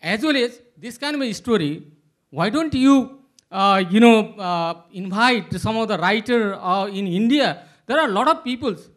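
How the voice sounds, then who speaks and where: A man's voice: high-pitched, animated, fairly bright tone. A man from Nepal, asking a panel a long question and stopping often with filler sounds. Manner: halting, many filler sounds. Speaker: audience member asking a question. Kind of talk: hesitant spoken question at a panel.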